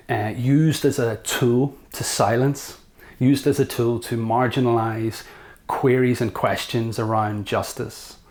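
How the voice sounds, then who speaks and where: A middle-aged man with a Northern Irish accent, a guest academic talking in an interview, thoughtful and reflective, often pausing and restating his points. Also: on the low side, a little mellow. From Northern Ireland. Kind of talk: conversational interview.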